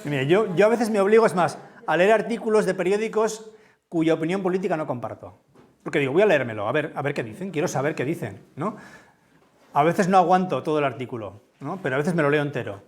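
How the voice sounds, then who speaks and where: A man from with a big, booming voice gives a conference talk in a lecture room, speaking conversationally and often checking in with his listeners. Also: animated, fast. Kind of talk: conference talk with audience questions.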